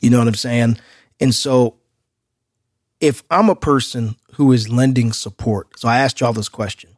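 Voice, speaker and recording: Male podcast co-host, outgoing, casual street slang, medium pitch, dry recording. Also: moderate pace, no room sound.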